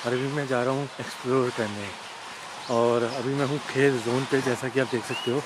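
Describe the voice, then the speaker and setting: A man's voice: medium pitch, fairly even intonation, moderate pace, heavy background noise. A young man in a casual walking vlog, chatting to the camera on a phone held at arm's length, joking and correcting himself as he tours a wooded resort. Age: young adult. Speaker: travel vlogger. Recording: faint outdoor ambience with birds.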